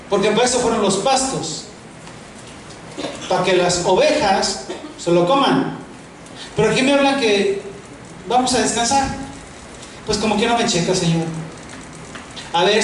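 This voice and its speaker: High-voiced preacher in an echoey hall. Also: male voice, a little hiss or hum. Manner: animated, asks rhetorical questions, repeats words for emphasis. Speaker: preacher teaching a theology class. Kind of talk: preaching-style Bible lesson. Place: large echoing church hall. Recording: very echoey hall, voice far from mic.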